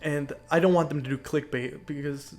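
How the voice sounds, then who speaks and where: A man's voice: fairly high pitch, steady tone, moderate pace, darkish tone, soft background music. A young man co-hosting a casual podcast, rambling with lots of fillers and restarts. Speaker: podcast co-host and YouTuber. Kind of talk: casual chat.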